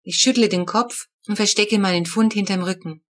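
A woman reading a children's storybook aloud, telling the story in a lively first-person voice. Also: mid-range voice, normal speed. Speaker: audiobook reader.

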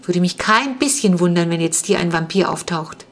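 A woman's voice: lowish voice, animated, moderate pace. Woman doing whiny frightened little girl. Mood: sulky. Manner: whiny, squealing.

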